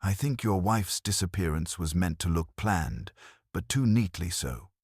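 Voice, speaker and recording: A man voicing a gentle, shrewd elderly lady detective in an audiobook, speaking softly and politely. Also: low-pitched, lively intonation, a little slow, breathy edge, no echo, studio quality, exaggerated voice. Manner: soft, polite and probing.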